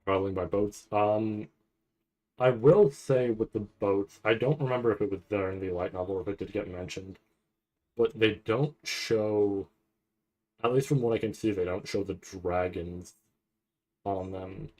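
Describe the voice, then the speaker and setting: An anime reaction streamer with a lowish, darkish male voice gives a casual, off-the-cuff breakdown of a trailer. He thinks aloud unscripted, halting and repeating words as he figures out what he's seeing.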